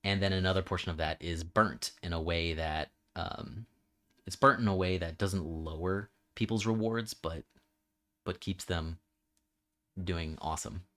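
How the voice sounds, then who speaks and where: Soft-spoken man with a very low voice. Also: a little slow. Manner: soft, drawling, with many fillers and restarts. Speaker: host. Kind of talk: casual explanation.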